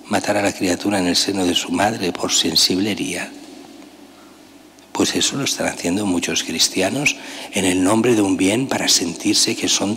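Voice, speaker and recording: Deep-voiced older priest in a church. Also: male voice, fairly bright tone. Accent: Spanish. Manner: conversational, emphatic, rhetorical questions. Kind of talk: sermon. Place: large church. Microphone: gooseneck lectern mic. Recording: long church reverb, faint hiss.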